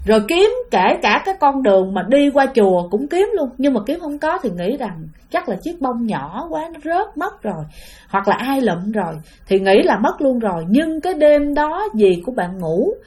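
A woman with a high voice and a Southern Vietnamese accent tells a spooky tale. She speaks in a chatty way and keeps turning to her listeners. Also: a little mellow. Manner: chatty, addresses listeners directly. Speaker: storyteller. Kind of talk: spoken ghost storytelling.

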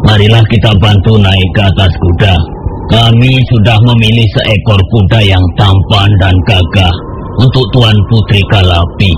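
A man playing a flattering, deferential royal soldier who speaks persuasively in an Indonesian radio drama. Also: fairly low pitch, normal speed, lightly acted. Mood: coaxing. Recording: noisy radio drama recording.

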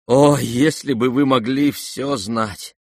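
A man reading aloud and voicing a gentle, simple-hearted young prince who speaks earnestly and guilelessly. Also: medium pitch, expressive, a little slow, breathy edge, no room sound, studio quality, voice pushed up.

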